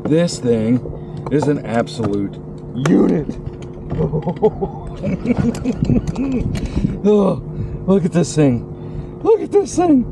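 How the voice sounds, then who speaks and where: Excitable angler out on the water. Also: male voice, sits high, drawn-out words, creaky, long pauses. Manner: excitable, talks to the fish, exclaims loudly. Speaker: kayak angler. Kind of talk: outdoor fishing vlog. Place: kayak on open tidal water, outdoors. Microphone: camera mounted on the kayak. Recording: loud wind and water noise outdoors. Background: wind and water.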